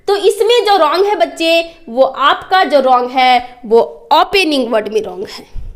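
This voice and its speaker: A young woman teaching a class, explaining slowly, spelling words out, and constantly asking the students whether they follow. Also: very high-pitched. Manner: constantly quizzes students, checks understanding. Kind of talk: classroom lesson.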